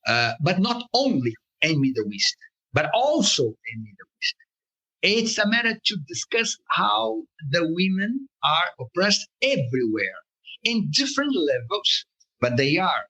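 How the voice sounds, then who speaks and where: A man with a Brazilian Portuguese accent talks as an interview guest, pausing often and restarting his sentences. His voice sits a little high, with a bright tone that moves widely in pitch. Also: sing-song, breathy edge, poor audio. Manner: halting, many fillers and restarts, searches for words. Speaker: political cartoonist, guest. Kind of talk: interview conversation.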